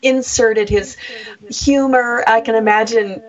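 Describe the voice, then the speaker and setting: A woman's voice: fairly high pitch, fairly even intonation, takes it slowly, muffled recording. Enthusiastic woman radio host. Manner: warmly enthusiastic, reads passages aloud. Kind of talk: radio interview with read excerpts.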